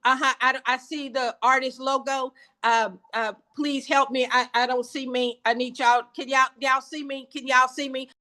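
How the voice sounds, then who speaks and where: A woman in her seventies drives a team meeting with a sermon-like rhythm, repeating her lines for emphasis. Her voice runs a little high and bright. She sounds like she is talking into a computer on a video call. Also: flat delivery, normal speed. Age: 70s. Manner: emphatic, repetitive, preacher-like cadence. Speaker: business team leader. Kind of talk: motivational sales call.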